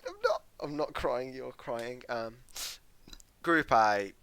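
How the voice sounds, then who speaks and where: A British man in his late teens co-hosting a podcast in casual chat, loud and chatty, often trailing off into quiet asides. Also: medium pitch, slow, vocal fry, clean tone. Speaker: podcast co-host.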